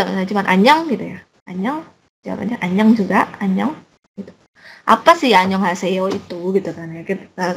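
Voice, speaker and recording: A woman's voice: medium pitch, slight background noise, poor audio. A young woman teaching a casual online language lesson, explaining in a chatty way with many fillers and self-corrections.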